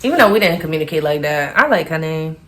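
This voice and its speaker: A woman's voice: deep voice, quick pace. A young woman casually telling college stories, often laughing as she talks. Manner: laughs through her stories, animated. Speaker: host. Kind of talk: casual storytelling chat.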